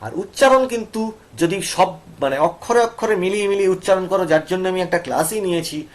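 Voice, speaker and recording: A man teaching an English reading passage, explaining it in Bengali. He reads the English slowly word by word, breaks words into syllables, and keeps asking his students if they follow. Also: sits high. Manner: asks students checking questions.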